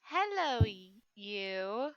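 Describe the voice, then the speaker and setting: A woman playing a cheerful, scatterbrained adventurer in a tabletop game, chatty, polite and a little halting. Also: mid-range voice, very animated, highs cut off. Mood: friendly, flustered.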